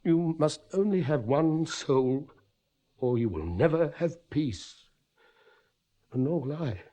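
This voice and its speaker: A tormented, bitter old-school cavalry captain. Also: male voice, on the high side, expressive, slow, mellow. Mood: tender, brooding. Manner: impassioned, bitter theatrical delivery. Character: anguished middle-aged cavalry captain, tormented and suspicious. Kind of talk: 1950s radio drama acting.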